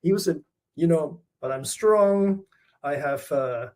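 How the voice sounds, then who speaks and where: A Canadian artist being interviewed conversationally about his work speaks unhurriedly in a fairly high, darkish-toned male voice. He's thoughtful and reflective, with frequent fillers and restarts.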